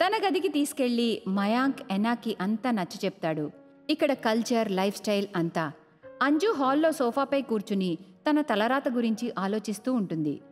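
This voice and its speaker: A woman narrates a storybook tale in a fairly high, clear voice. Her delivery is scripted and steady, shifting into a sharp scolding edge for the household voices. A long reverb tail and soft music sit under her. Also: normal speed. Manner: shifts between narrating and scolding mother-in-law voice.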